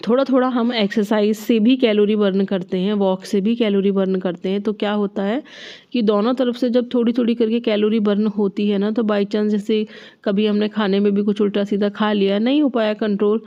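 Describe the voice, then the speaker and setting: A woman vlogger, her voice changed and stuffy from a cold, chats casually and hands out diet advice, often using tag questions. She speaks briskly in a steady, mid-range voice with a dark tone, and the recording is muffled.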